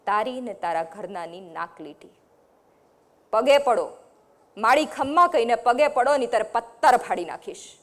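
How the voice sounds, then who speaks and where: A fearless village woman hurls scornful, cutting words in a loud, forceful voice, as a woman novelist acts her out. Her tone is high and biting. This is a dramatic storybook reading. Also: normal speed, pauses often, natural voice. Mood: furious. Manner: scornful, shouting.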